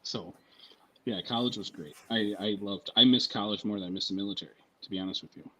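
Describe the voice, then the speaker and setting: A military veteran guest telling stories on a podcast in a casual, profane, rambling way, often checking in with "right?" and "you know what I mean?". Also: male voice, lowish voice, fast, bright, forceful tone.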